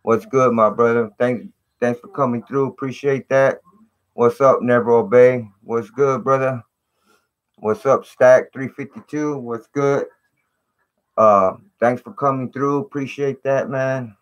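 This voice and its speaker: A man's voice: mid-range voice, steady tone, measured pace. A man hosting a casual live stream, greeting viewers in slangy, repetitive talk through fuzzy, distorted audio. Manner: slangy, repeats "man" and "you know".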